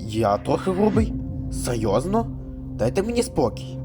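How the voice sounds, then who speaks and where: A man's voice: a little high, big pitch swings, normal speed. A man voicing an awkward, lonely ice-giant planet in a cartoon, hesitant and easily offended. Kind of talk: animated space cartoon dub. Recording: music behind the voice.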